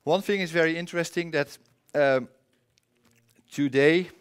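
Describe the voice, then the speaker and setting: A middle-aged man from the Netherlands with a Dutch accent, giving a casual conference presentation on a presentation mic, often pausing with filler sounds and restarts. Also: on the high side, clear, resonant tone. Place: conference room.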